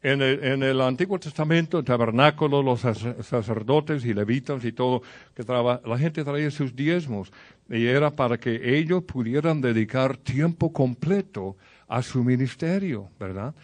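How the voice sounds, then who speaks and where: A man's voice: medium pitch, normal speed. A man preaching a sermon in a conversational way, telling stories and speaking directly to the congregation.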